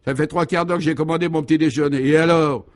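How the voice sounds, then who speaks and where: A man voicing a rude, surly hotel chambermaid who yells insolently in a radio comedy. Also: fairly even intonation, quick pace, lightly acted. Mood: angry. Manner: shrill, yelling, insolent. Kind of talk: 1950s radio comedy acting.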